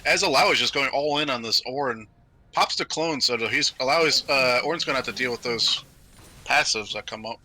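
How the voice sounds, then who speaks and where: A man casting a video game match, talking through the action in brisk, analytical play-by-play with frequent fillers. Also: medium pitch, sharp tone, a little hiss or hum. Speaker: esports caster. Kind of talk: play-by-play commentary.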